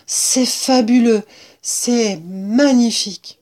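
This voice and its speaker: A woman's voice: a little high, drawn-out words, a little mellow, pitched above the performer's own voice. A woman voicing a clever, self-assured adult male fox who is a father. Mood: awed.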